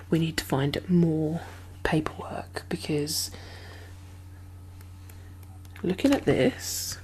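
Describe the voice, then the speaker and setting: In a soft-spoken ASMR roleplay, a woman plays a caring, uneasy survivor of a zombie apocalypse, breathy and hesitant and often slipping into whispers. Her deep voice sounds puzzled and musing, halting as she goes, on a rough recording with a little hiss or hum.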